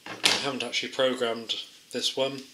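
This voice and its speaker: An amateur product tester shows off a gadget in an unscripted, casual hands-on demo, thinking aloud hesitantly and understatedly. His mid-range voice is flat at a moderate pace, recorded with roomy echo, faint background noise, and clicks.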